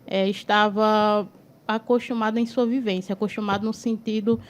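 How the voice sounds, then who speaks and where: A woman's voice: medium pitch, fairly even intonation, moderate pace. A woman northeastern Brazil, a guest on a studio talk show, explaining history at length in a lecturing way and often ending with "né". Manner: lecturing, frequent tag "né".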